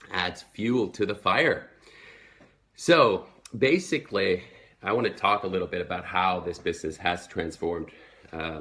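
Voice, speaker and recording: Low and a little bright, his voice carries an American accent he acquired in the United States, though he comes from Sweden. The twenty-something network marketing entrepreneur is live on video, earnestly motivating his followers and leaning on many fillers.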